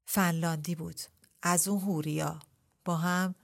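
A woman voicing a young husband who speaks in a low, hushed, slow and wheedling way, leering and insistent. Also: fairly even intonation, vocal fry.

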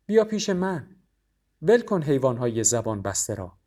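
Storybook casting: a gentle elderly patriarch, put on by the narrator, fatherly and calm. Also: medium pitch.

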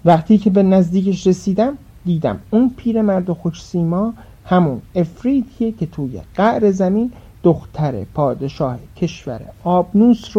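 Dark-voiced woman telling a tale. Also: on the low side, husky. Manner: expressive, dramatic. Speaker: storyteller. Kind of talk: scripted storybook narration. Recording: dull lo-fi.

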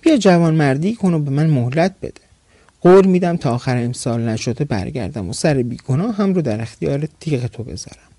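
A middle-aged merchant from a storybook, scared and pleading for mercy in a gravelly voice. A man voices him while narrating. The recording is close and dry. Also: fairly high pitch, expressive, dark tone, dry recording.

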